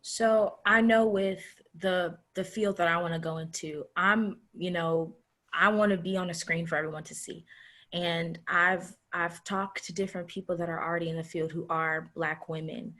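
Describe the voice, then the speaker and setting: A teenage girl, a graduating senior, answering a panel interview over a video call in an earnest, measured way with emphatic repetition. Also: lowish voice, steady tone, a bit bright. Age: teens.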